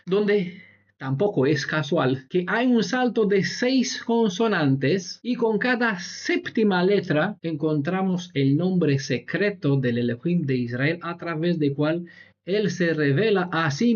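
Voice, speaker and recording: A man's voice: on the high side, highs cut off. A man giving an explanatory Bible lesson, patiently spelling out letters and checking in with his listeners as he goes. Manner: spells out Hebrew letters slowly, with short laughs. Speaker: Bible teacher.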